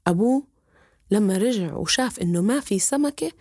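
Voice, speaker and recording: A woman's voice: medium pitch, animated, fairly quick, a little mellow, a little hiss or hum. A woman telling a folk tale, repeating words for effect. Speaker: storyteller.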